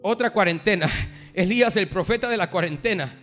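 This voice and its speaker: Pastor, male, very high voice, forceful bright tone, impassioned sermon over faint music. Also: brisk. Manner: preaching with rising, declaiming intensity. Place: livestreamed from a church or studio.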